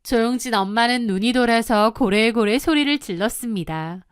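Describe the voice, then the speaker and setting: A woman's voice: fairly high pitch, moderate pace, clear, resonant tone, no echo, studio quality. A woman narrating her own story in the first person, confiding and matter-of-fact.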